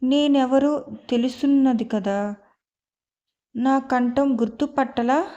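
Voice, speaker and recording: A woman voicing a tender young man who gently comforts a dazed woman in a storybook reading. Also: very high voice, takes it slowly. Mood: soothing. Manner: soft, soothing. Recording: slightly muffled lo-fi.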